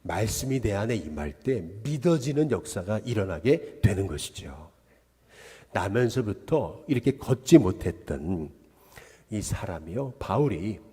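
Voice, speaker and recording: A man, the senior pastor, giving a dawn service sermon in a church sanctuary, telling the story in an animated way. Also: mid-range voice, husky. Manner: animated storytelling, acting out quoted voices. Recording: long reverb of a church hall.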